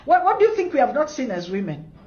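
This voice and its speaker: A woman's voice: high voice, very animated, fast. A Kenyan woman in her fifties with a Kenyan accent, giving an impassioned, defiant monologue full of rhetorical questions. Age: 50s. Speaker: commentator in a played clip. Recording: echoey, dull lo-fi clip.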